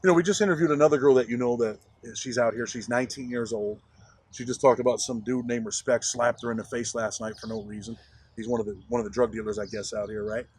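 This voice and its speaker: A man hosting a street interview outdoors, asking questions quickly and repeating the answers back. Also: mid-range voice, fairly even intonation, a little mellow, slightly rough, no echo. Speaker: street interviewer and show host.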